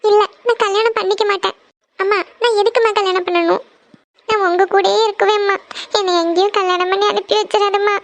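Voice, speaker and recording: Very high gravelly voice, flat pitch, woman playing an insistent loyal cartoon daughter. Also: fairly quick. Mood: pleading. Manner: insistent, tearful pleading. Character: devoted young woman, eldest daughter. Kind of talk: cartoon family serial voice acting.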